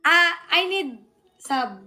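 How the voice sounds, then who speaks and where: A woman with a Filipino accent hosting a casual live stream, giggly and mixing Tagalog into halting English. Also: extremely high pitch, expressive, sharp tone. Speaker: livestream host.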